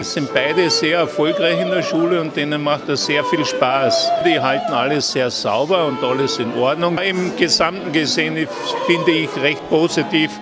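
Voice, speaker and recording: Brief: older man, calm approving tone, slightly high voice, music behind. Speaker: host of a refugee family. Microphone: handheld mic.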